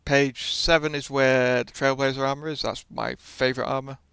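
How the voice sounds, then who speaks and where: A man's voice: medium pitch, flat delivery, moderate pace, creaky, a bit bright, clear, resonant tone. A man hosting a gaming video with casual commentary, often hesitating and correcting himself as he explains.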